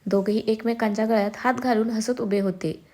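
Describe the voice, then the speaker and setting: A woman narrates a story with a slightly high voice, reading in a steady, descriptive way. Her delivery is even and unhurried, the tone of a storyteller for an online audience.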